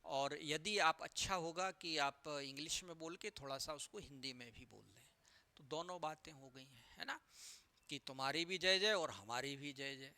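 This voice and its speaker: This interview coach's fairly high voice sounds pushed and bright on a dry recording. He lectures in an explanatory way, tagging lines with a questioning "right?" and the repeated "है ना," and slowly spells out abbreviations.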